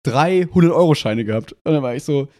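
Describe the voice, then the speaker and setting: A man hosting a podcast in casual chat, telling a story with lively acted-out dialogue. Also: fairly high pitch, quick pace. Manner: animated anecdote telling, acting out quoted dialogue. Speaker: podcast host.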